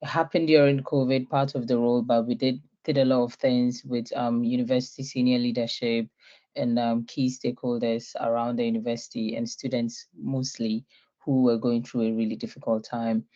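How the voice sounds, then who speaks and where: A woman's voice: rumbling low, level tone, moderate pace, mellow, muffled recording. A young woman from Ghana, a guest in an online interview, introducing herself in a friendly way with many filler sounds and easy laughter.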